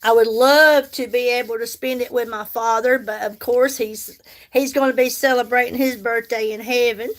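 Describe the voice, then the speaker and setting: Her voice is fairly high-pitched, steady in tone, and moderately paced. She's an American woman in her 50s hosting a chatty makeup livestream, reading viewer comments aloud, answering them, and repeating points to stress them.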